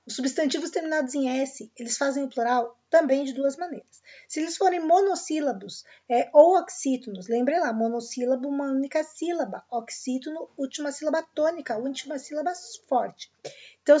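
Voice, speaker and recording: High-voiced Brazilian teacher explaining grammar. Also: female voice, warm tone, dull audio. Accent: Brazilian Portuguese. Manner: patient, checks in with "tranquilo?" and "pessoal". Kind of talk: recorded online grammar lesson.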